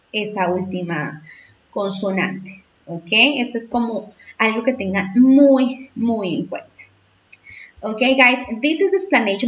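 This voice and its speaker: Slow, echoey woman teaching English. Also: on the high side. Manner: patient, checks in with "¿ok?" often. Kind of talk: bilingual grammar lesson. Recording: echoey, distant, dull lo-fi sound.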